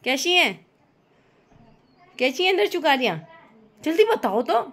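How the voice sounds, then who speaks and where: A young mother speaks in playful baby talk to her toddler at home, teasing and coaxing him. Her voice sits high and swoops widely up and down, with an unhurried, drawn-out delivery. She laughs often between lines. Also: big pitch swings, fairly bright tone. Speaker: mother and family vlogger.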